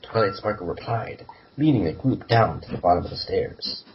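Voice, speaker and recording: A man's voice: lowish voice, lively intonation, moderate pace. A man narrating a fan story in an amateur group reading, giggling now and then. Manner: giggly, breaks up laughing. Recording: muffled lo-fi with faint hiss.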